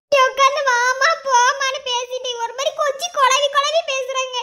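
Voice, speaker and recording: A woman with a Madurai Tamil accent voicing young village women in an animated family cartoon, scolding in quick slang. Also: very high voice. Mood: bickering.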